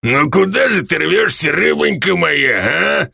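A man voicing a drunken, leering male tavern brute, growling and gravelly. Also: on the high side, sing-song, a little slow, sharp tone, no echo, clean studio sound, voice pushed up, heavily acted. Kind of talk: audiobook character voice.

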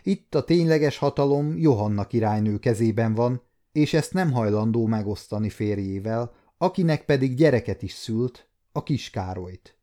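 A man's voice: medium pitch, expressive, warm tone, natural voice. A man reading the part of an old, sceptical counsellor who gives sober, weary warnings. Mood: grave.

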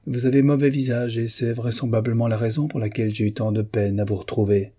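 A man's voice: mid-range voice, level tone, fast, mellow, husky, close to an everyday voice. A man voicing a rude, idle young aristocrat who talks bluntly and carelessly, swearing freely. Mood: offhand.

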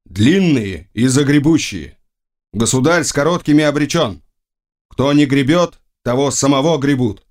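A man's voice: medium pitch, expressive, moderate pace, close to an everyday voice. A man voicing a blunt, sardonic male emperor for an audiobook, with firm pronouncements. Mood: lecturing. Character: imperious young male emperor, blunt and mocking. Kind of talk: audiobook reading.

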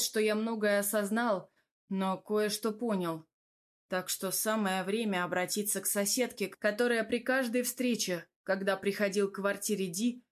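Woman reading a story steadily. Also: mid-range voice. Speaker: audiobook reader. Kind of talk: first-person narration.

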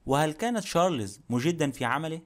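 A male reader plays a courteous, shrewd detective who asks questions gently and calmly. The voice drops a little lower and quieter than the narration. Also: quick pace, close to an everyday voice. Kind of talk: audiobook character reading.

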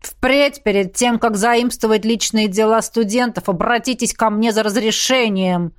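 A woman's voice: a little high, moderate pace, lightly acted. A woman doing a prim, drawling school secretary. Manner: drawling, precise and commanding.

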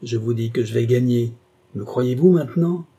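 A man's voice: medium pitch, moderate pace, slightly rough, close to an everyday voice. A man voicing a tormented old gambler who believes he sold his soul, speaking with impassioned, feverish intensity in an audiobook reading. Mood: furious. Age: older. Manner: impassioned, swings from grave confession to raging shouts.

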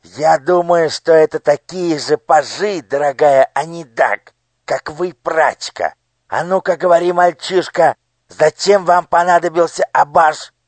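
A man voicing a cruel male minister with a squeaky, shrill voice in an audiobook. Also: unhurried, no room sound, close to an everyday voice. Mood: furious. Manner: menacing, shouting threats. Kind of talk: audiobook character voice.

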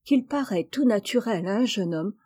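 A woman reads a classic novel aloud, measured and gentle. Her voice is mellow and warm with a soft, husky edge. The pitch sits in a plain middle range. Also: animated. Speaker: audiobook narrator. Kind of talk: scripted narration of a classic novel.

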